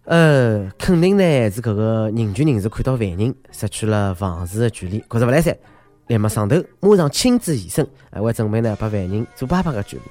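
Shanghainese guy doing jokey news podcast, really animated delivery, bit of music behind. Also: on the low side, brisk. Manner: joking, exclamatory, theatrical storytelling. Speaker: host of a comedic news podcast. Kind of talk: scripted humorous news commentary.

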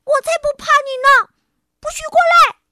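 A woman voicing a tiny, timid mouse who finally shouts back, in a children's storybook reading. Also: moderate pace, no echo, studio quality, exaggerated voice. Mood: angry. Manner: shrill, shouting.

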